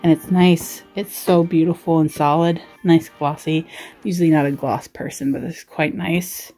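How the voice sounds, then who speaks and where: Lower-voiced woman, rambling casual vlogger. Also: steady tone, moderate pace, dark tone, faint music behind. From Australia. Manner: rambling, giggly, self-deprecating. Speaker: vlogger and writer giving a desk tour. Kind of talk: casual chatty show-and-tell.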